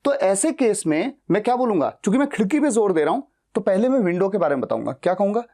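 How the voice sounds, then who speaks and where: A man with a soft, mellow voice teaches spoken English, walking students through grammar with patient repetition. He poses questions and answers them himself, slowing right down over each example sentence. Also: high voice, big pitch swings. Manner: patient, repeats examples, asks and answers his own questions; reads English example sentences slowly and deliberately. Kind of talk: explanatory grammar lesson.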